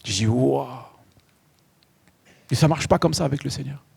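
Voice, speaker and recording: Middle-aged guy preaching in church, kinda high voice, lively storytelling, drags out words for emphasis. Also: racing, vocal fry, breathy edge. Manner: animated storytelling preacher, stretching key words. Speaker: pastor. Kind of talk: sermon.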